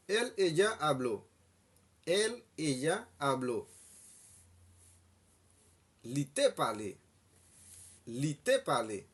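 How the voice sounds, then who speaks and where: A man teaching a language lesson, saying each phrase twice, slowly and deliberately. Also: a little high, sing-song, breathy edge. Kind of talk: slow bilingual language lesson.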